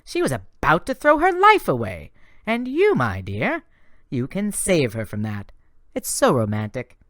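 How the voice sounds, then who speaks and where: A man voicing a vain, gushing goddess of love, high and theatrical with a dry, close sound. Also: wildly swooping pitch, a little slow, fairly bright tone, dry recording, exaggerated voice. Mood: coaxing.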